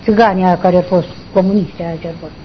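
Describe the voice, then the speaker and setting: An older woman, recalling her past in a rambling, halting way during an interview. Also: on the low side, steady tone, slight background noise. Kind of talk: oral history recollection. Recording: dull lo-fi recording.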